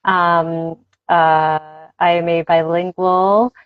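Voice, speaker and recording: This native Spanish-speaking woman speaks extremely slowly and smoothly in a fairly low, flat voice, though her conversational explanations as an interviewed language teacher and advocate remain reflective and enthusiastic. She's a guest on a video livestream recorded in a close, dry room. The audio quality is dull and lo-fi.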